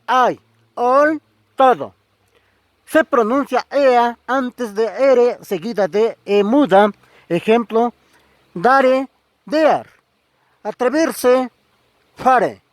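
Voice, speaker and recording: Very high, slow-speaking male teacher. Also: no echo. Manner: repeats each word slowly and deliberately. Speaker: language teacher. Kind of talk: slow pronunciation lesson, repeating words.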